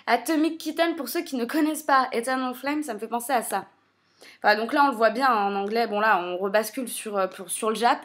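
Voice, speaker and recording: A woman's voice: on the high side, a little fast, fairly bright tone. A woman reviewing a manga chapter in casual commentary, thinking aloud with lots of fillers and self-corrections, and making playful teasing asides.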